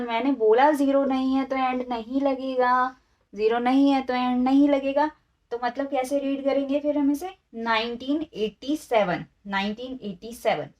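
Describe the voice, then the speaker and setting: A woman's voice: fairly high pitch, darkish tone. A woman teaching an online English lesson, patiently repeating examples, asking rhetorical questions and mixing Hindi with English words. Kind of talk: online lesson explaining year reading.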